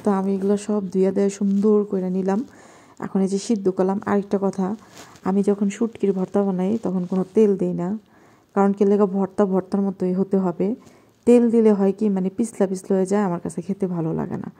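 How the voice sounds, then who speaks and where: A woman from Bangladesh with a Bangladeshi accent, narrating a home cooking vlog in a soft, quiet voice at night in her kitchen. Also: medium pitch, level tone, quick pace. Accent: Bangladeshi Bengali. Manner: talking softly and quietly at night.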